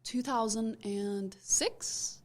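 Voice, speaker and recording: A woman's voice: fairly high pitch, extremely slow. Turkish-accented woman telling her story. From Turkey. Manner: rambling, circles back to restate points. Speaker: podcast guest. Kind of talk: casual chat.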